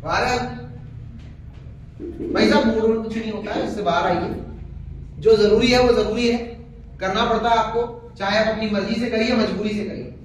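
A man giving an energetic, joking motivational speech to a live audience in a hall. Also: sits high, normal speed, long pauses. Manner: energetic, jokey and preachy. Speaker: motivational speaker. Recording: very echoey hall, distant mic, faint noise.

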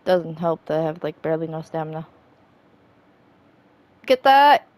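A woman's voice: deep voice, completely flat delivery, fast talker, dark tone. A woman hosting her gaming stream, chatting casually and hesitantly, often trailing off and putting herself down. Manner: hesitant, self-deprecating, trails off. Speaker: gaming channel host.

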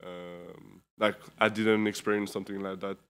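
A tired young man from Europe speaks into a table microphone in an indoor press room. His voice is lowish, clean and resonant, and it stays fairly level in pitch. He talks haltingly, with lots of fillers and restarts. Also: little pitch movement, a bit bright, smooth. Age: 20s. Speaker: basketball player. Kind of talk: postgame press conference answers.

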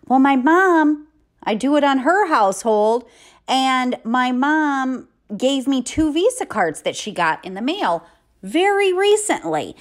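A middle-aged woman narrates her shopping run in an easygoing, chatty way, counting out prices and savings one item at a time. She talks into a phone she holds herself as she walks through a store. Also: high voice. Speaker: couponing vlogger. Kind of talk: casual shopping vlog narration. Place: inside a drugstore, walking the aisles.

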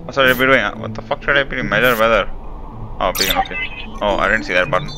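A man's voice: lowish voice, fast talker, noisy background. A man chatting casually while gaming with friends, swearing and teasing them as he plays. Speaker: gamer recording gameplay. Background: loud music.

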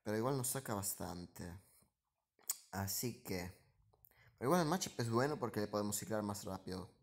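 Speaking at a moderate pace with a lowish voice, a gaming streamer narrates his own gameplay live. He mutters asides and keeps repeating short phrases as the game swings back and forth.

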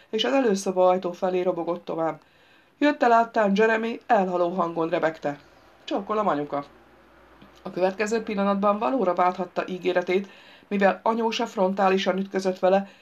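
Woman narrating a wry comic audiobook. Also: medium pitch. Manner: lively, wry storytelling. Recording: dull lo-fi recording.

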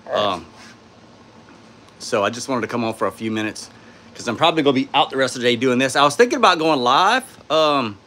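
Male streamer, sore throat, tired and laid-back, mid-pitched, phone mic in a home studio. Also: expressive, brisk, sharp tone. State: sore throat, speaking softly. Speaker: YouTuber hosting a live stream. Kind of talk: casual live-stream chat, reading out and answering viewer comments. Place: indoors in his home studio.

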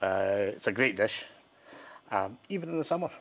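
A man, a chef doing a cooking demonstration on TV, relaxed and hesitant with dry humour. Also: mid-range voice, fairly quick. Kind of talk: TV cooking demo.

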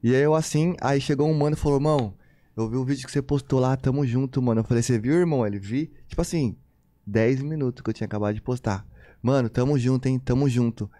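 A man's voice: mid-range voice, quick pace, mellow, dry recording. A young man from Brazil, a podcast guest telling a long story in casual, slangy talk full of repeated phrases.

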